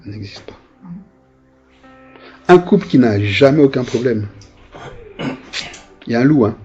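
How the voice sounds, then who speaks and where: A man's voice: mid-range voice, lively intonation, measured pace, muffled recording, music in the background. A man preaching a conversational sermon as pastor. He hesitates and restarts often and acts out the voices of people in his stories.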